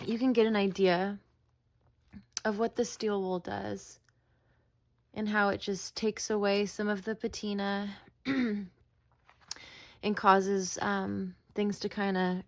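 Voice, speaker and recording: Slow, rambling woman crafter. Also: medium pitch, vocal fry, no echo. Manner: rambling, with frequent ums and restarts; humble, apologetic. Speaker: craft video maker. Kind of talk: casual chat while crafting.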